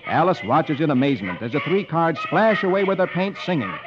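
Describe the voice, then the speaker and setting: A jolly man reading a children's story on old-time radio in a lively, singsong way. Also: on the high side, brisk. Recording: dull old radio transcription with music.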